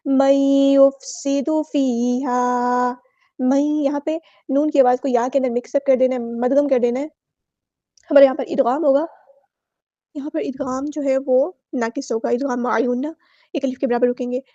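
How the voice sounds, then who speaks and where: A woman with a Pakistani Urdu accent teaching Quran recitation rules word by word, chanting each word slowly, then explaining it briskly. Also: high-pitched, fairly even intonation, mellow, no room sound, lo-fi sound. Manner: slow drawn-out recitation alternating with brisk explanation.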